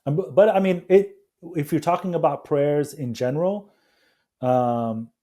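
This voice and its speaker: A coffee company founder, interviewed as a guest, speaks casually in a slightly high voice with a dark tone. He's halting, feeling his way through sentences, repeating words and readily agreeing.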